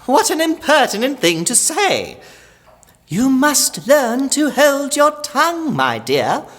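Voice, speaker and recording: A woman's voice: high-pitched, sing-song, a bit bright, big-room sound, exaggerated voice. A woman playing a stern, scolding old great-aunt in a period audio play, imperious and prim. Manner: imperious, prim, drawn-out delivery.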